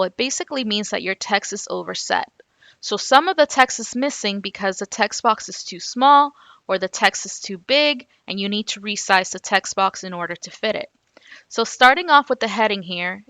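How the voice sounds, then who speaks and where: A woman with a Miami accent giving an informal, explanatory step-by-step software tutorial as a voice-over. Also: medium pitch, dry recording. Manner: informal, explanatory, addresses viewers as you guys. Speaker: software instructor. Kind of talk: step-by-step screen tutorial narration.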